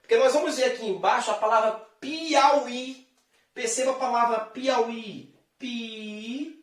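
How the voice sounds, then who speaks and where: A man's voice: very high voice, moderate pace. A man teaches a grammar lesson in a friendly, chatty way, pulling the listener along as he goes. He draws out the key words as he explains them. His voice is picked up from some distance and rings in a roomy, echoing space. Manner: lively and chatty, addresses the viewer directly, draws out example words. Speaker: Portuguese teacher. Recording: echoey room, distant mic.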